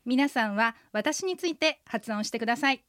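High-pitched lady teaching pronunciation on the radio, patient and clear, dry close sound. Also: lively intonation, moderate pace, a bit bright, no echo. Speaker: interpreter guide and co-host. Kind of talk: radio language lesson.

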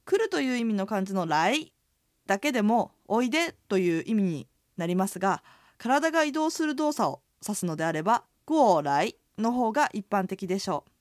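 Lively woman explaining on a radio lesson. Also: medium pitch, normal speed, no echo, studio quality. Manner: lively, explanatory, friendly presenting. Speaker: inn proprietress and co-host.

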